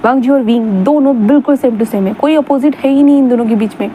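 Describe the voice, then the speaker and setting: Casual female storyteller, high voice, chatty fillers, faint background hum. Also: fairly quick, dark tone. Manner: chatty, repeats filler words. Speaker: fan fiction narrator. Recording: dull lo-fi sound, faint hum.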